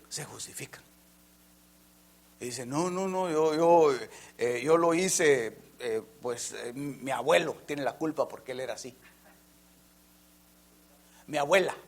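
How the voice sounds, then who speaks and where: A man preaching a fervent sermon, jumping from loud emphatic lines to near-whispers and often addressing listeners as brother. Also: a little high, expressive, unhurried, pauses often. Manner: keeps calling listeners "hermano".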